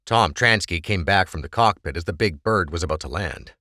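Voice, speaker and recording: A man's voice: low-pitched, animated, fairly quick, pushed and bright, dry recording. A man narrating an audiobook with a dramatic, varied delivery on a close microphone.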